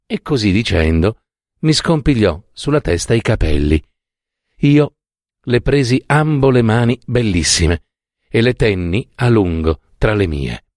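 Slow, expressive male audiobook narrator. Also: lowish voice, no room sound, studio quality. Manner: measured, expressive reading with lingering pauses.

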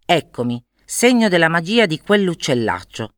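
A woman voices an impatient, scornful young man, pitching above her own voice yet still lowish and sing-song. She speaks at a moderate pace, and the studio-quality recording has no room sound.

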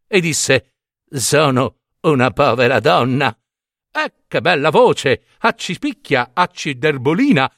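A man's voice: on the high side, fairly bright tone, no echo, clean studio sound. A man reading a story aloud in a comic style, full of digressions, joking asides and self-corrections.

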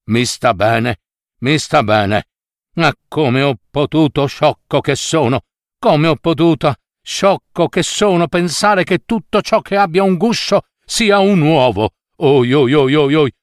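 A man's voice: a little high, no room sound, clean studio sound. A man voicing a greedy, foolish dog groaning in pain and scolding himself in a storybook fable. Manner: groaning, self-reproaching.

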